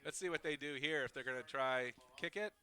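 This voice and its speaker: A man giving color commentary on a high school football game, chatty and analytical, with easy laughs. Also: fairly quick, pushed and bright.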